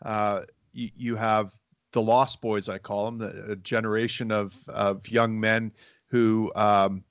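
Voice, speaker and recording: A man's voice: on the low side, little pitch movement, slow pace, no echo, muffled recording. A middle-aged man hosting a casual interview podcast, rambling with many fillers and restarts. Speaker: podcast host.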